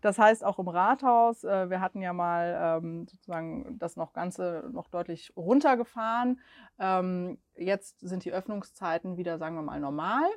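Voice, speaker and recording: A woman's voice: fairly low pitch, moderate pace, studio quality. A woman interviewing a town hall employee, asking questions hesitantly with many fillers.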